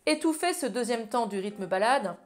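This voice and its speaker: A woman's voice: a little high, expressive, moderate pace. A woman giving a casual ukulele tutorial, explaining chords and strumming step by step in a friendly way. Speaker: ukulele teacher. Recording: loud ukulele music under voice. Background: loud ukulele playing.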